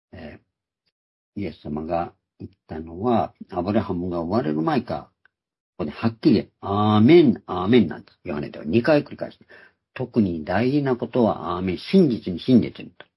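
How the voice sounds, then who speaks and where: A man's voice: low voice, breathy edge. A man giving a Bible teaching sermon, explaining terms one by one and repeating key words for emphasis. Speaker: preacher. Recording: dull lo-fi recording.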